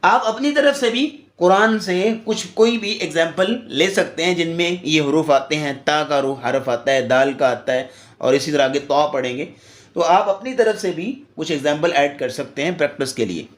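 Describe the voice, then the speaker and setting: A man teaching Quran recitation, drilling each syllable slowly and deliberately. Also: a little high, roomy sound. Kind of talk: tajweed lesson with drilled syllables.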